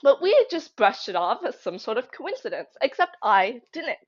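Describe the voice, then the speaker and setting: Fairly high-pitched and very animated, a young fan theory creator speaks at a moderate pace, mulling things over aloud in an emphatic, chatty way. The sound comes from a lo-fi home setup and is slightly dull.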